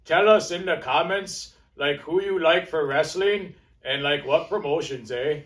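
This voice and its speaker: A man's voice: on the high side, measured pace, fairly bright tone. A man putting on an exaggerated Canadian accent as a jokey, boastful co-host, dropping "eh" and "like" all through. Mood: joking. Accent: mock Canadian, heavy "eh" and "like". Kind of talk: comic put-on accent.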